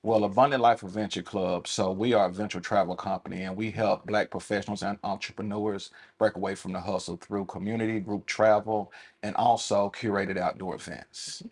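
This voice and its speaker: A man's voice: on the low side, fairly even intonation, fairly quick, breathy edge. A man from West Tennessee, a club co-founder speaking as an interview guest in an easygoing way. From Milan, West Tennessee. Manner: easygoing, uses fillers like "like" and "uh". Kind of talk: casual interview talk.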